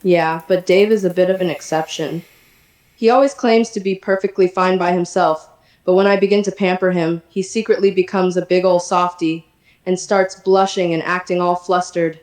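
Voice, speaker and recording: A synthetic text-to-speech woman's voice playing a sassy, energetic female poodle chatbot, chatty and teasing. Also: on the low side, normal speed, reverberant. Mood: playful.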